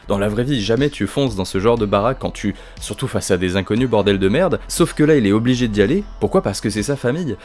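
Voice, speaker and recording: A man's voice: medium pitch, darkish tone. A man giving a casual, slangy film review, talking informally with lots of fillers.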